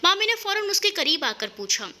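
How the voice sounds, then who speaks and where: High, very bright woman storyteller. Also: big pitch swings, moderate pace. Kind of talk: scripted story narration.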